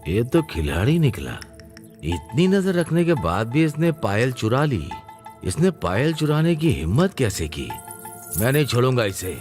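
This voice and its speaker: A man's voice: medium pitch, very animated, moderate pace, a little mellow, soft background music, natural voice. A man dubbing a boozy grumbling uncle. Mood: suspicious. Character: boozy middle-aged uncle, suspicious and scolding. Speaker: hero's drunken uncle. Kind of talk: Hindi film dubbing.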